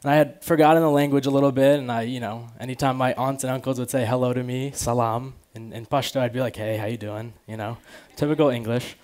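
This is a Chicago-based American man around twenty, originally born in Afghanistan, delivering a laid-back conference talk from a large auditorium stage to an audience through a headset microphone. He talks fast and barely pauses, in a steady, slightly mellow voice of medium pitch. Fillers like "you know" and "like" crop up casually throughout.

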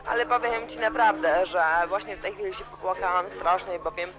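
A woman's voice: mid-range voice, fairly quick. A woman in her twenties giving a rambling, emotional party interview, heard on old worn tape. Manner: rambling, emotional, keeps saying "you know". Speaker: student radio interviewee. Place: student club during a party. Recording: dull lo-fi old cassette tape. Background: loud music.

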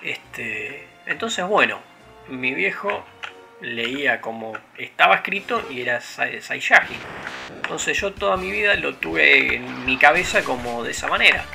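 A man's voice: on the high side, expressive, a little slow, vocal fry. A man with a Rioplatense Spanish accent giving casual, digressive gameplay commentary full of fillers. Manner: rambling, digressive storytelling with frequent fillers. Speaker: let's play host. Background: video game music.

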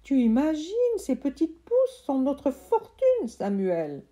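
An overexcited eccentric uncle who collects rare plants, exclaiming in a high, emphatic storybook voice, as a woman reads him aloud. His tone stays mellow and warm underneath. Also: slow. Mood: excited.

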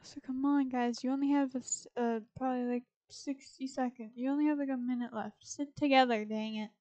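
A woman's voice: high-pitched, fairly even intonation, brisk, dark tone. A young woman chatting casually over a life-sim game, rambling and talking to her characters. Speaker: gaming YouTuber. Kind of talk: casual Sims gameplay commentary.

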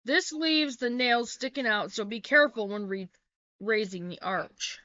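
In a little wood-paneled room, a homesteading vlogger in middle age reads how-to narration, fixing small slips as she goes. Her slightly high voice is unhurried, pushed and bright, captured by a laptop webcam with dull, lo-fi quality.

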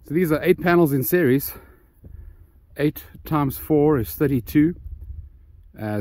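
This man hosts a DIY solar channel and is giving a laid-back vlog tour of his homemade solar panel mount outside. He speaks in a mid-range voice that's slightly mellow. Slightly winded, he wanders through his thoughts with lots of ums and false starts.

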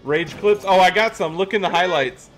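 A man streaming a video game, a raging gamer with an excitable way of talking. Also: high-pitched, moderate pace, low-quality recording. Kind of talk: game livestream chat.

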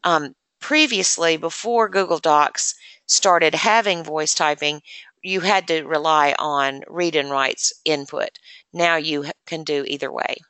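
Low, bright-voiced woman demonstrating software. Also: unhurried, clean tone, dry recording. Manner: chatty, explains step by step with many fillers. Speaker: assistive technology presenter.

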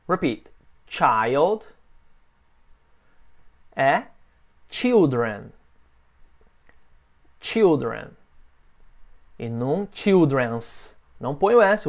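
Man, Brazilian Portuguese accent, English teacher, patient drilling, slow model phrases, slightly raised pitch. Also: lively intonation. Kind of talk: online English lesson for beginners.

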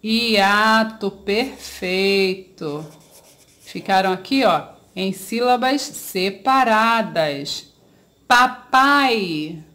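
Slow-paced Brazilian woman teaching children. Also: medium pitch, expressive, bright, forceful tone. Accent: Brazilian Portuguese. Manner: slow, drawn-out syllables, asks pupils questions and praises. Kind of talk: children's grammar lesson.

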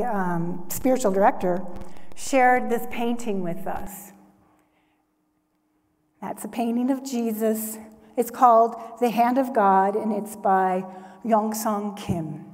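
A woman preaching a sermon in a church, earnest and expressive, lifting her voice for emphasis. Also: a little high. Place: church sanctuary. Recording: long hall reverb.

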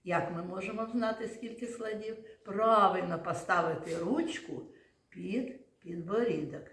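Slow, patient woman teacher in an echoey classroom. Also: medium pitch, a bit bright. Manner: patient, coaxing, praises often. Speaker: primary school teacher. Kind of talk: classroom lesson for young children.

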